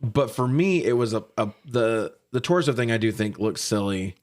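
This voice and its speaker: Reviewing movies as a podcast co-host, a man with a mid-range voice speaks at normal speed. He's irreverent and profane, swearing freely through a casual recap.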